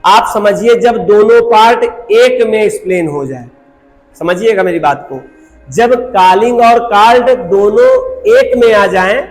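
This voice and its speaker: A man's voice: sits high, long reverb tail, rough recording. A man teaching a recorded programming lecture, repeating points and asking rhetorical questions while he mixes English terms into his talk.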